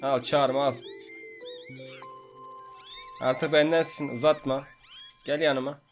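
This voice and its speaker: A man's voice: medium pitch, steady tone, takes it slowly, soft background music. A young man giving casual gaming commentary, teasing and trash-talking the creatures on screen in slangy, brash talk. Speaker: gameplay commentator.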